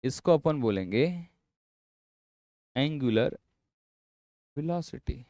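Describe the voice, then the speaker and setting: A man teaching physics in a classroom lecture. He explains slowly and repeats himself, coaxing his students along. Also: medium pitch, animated, a little mellow, no echo, clean studio sound. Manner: drawn-out, repetitive explaining, coaxing students with "yaar" and "bhai".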